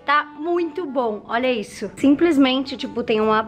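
A woman's voice: high-pitched, animated, normal speed, soft background music. A young woman talking to her viewers in a casual vlog, gushing and chatty. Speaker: vlogger.

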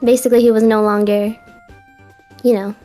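A woman's voice: fairly high pitch, little pitch movement, normal speed, mellow, soft background music. A young adult woman with a very youthful, girlish voice and a cute anime-streamer manner, casually telling confessional stories. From Colombia and the United States. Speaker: confession guest caller.

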